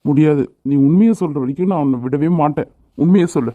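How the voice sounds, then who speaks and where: A man's voice: on the high side, quick pace, mellow, lightly acted. A man voicing a caring young house owner in a cartoon, who keeps pressing for the truth. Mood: insistent. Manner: insistent, coaxing questions. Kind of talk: cartoon dubbing. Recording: dry, phone-like sound.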